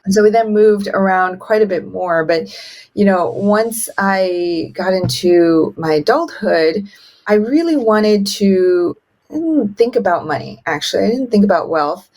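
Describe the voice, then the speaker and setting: A woman in her thirties who grew up in China speaking Mandarin as her first language tells her life story as a podcast guest. Her mid-range, somewhat dark voice is animated and a little slow, with big vocal jumps when she acts out quotes.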